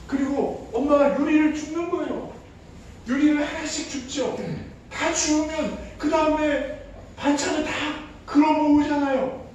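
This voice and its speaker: A man preaching a Sunday sermon in a conversational, storytelling way, with a high voice. His words ring through a very echoey church sanctuary, picked up by a distant mic with a faint hiss. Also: flat delivery, a little slow, darkish tone. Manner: conversational, telling everyday stories. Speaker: pastor.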